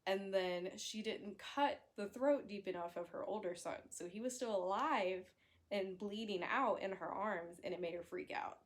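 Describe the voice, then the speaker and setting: A woman's voice: mid-range voice, moderate pace. A young woman casually recapping a horror story, chatty and blunt, with fillers, self-corrections and the odd swear. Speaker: book reviewer.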